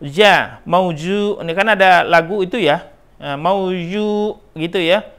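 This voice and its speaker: Slow, patient man teaching Quran recitation. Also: high voice, fairly bright tone, clean tone. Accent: Indonesian. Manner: slow, drawn-out demonstrations of recited syllables, repeating right and wrong forms; frequent "nah" and "ya" checks with the learner. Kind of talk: Quran pronunciation lesson.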